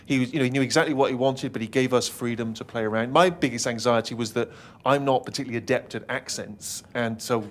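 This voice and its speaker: An actor answering questions at a press event, playful and quick to laugh. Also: male voice, mid-range voice, steady tone. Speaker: actor, interview guest.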